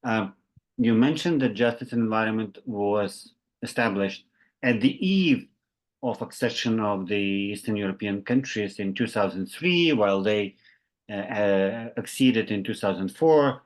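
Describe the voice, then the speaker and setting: A man in his forties moderating a webinar from a room with bookshelves, speaking haltingly with many fillers into his laptop webcam. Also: fairly low pitch. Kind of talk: moderating questions. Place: home room with bookshelves, indoors. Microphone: laptop webcam on a video call.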